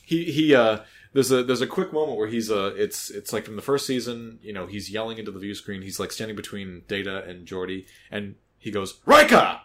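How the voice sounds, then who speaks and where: A man in his thirties hosting a podcast, talking in a casual, animated way, swearing freely and restarting often. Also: lowish voice, fairly quick, few pauses. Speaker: podcast host. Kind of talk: casual chat.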